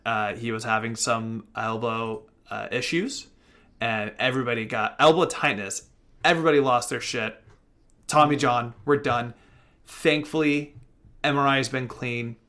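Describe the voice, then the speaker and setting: A man co-hosting a casual sports podcast, talking loosely with swearing and bursts of excitement. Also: mid-range voice, measured pace. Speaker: podcast co-host.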